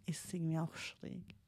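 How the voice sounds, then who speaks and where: In a husky, lowish, darkish voice with no echo, a woman streamer in her late thirties tells reflective stories about her past. German isn't her first language and she has a Swiss accent; she muses hesitantly, often restarting and using many fillers.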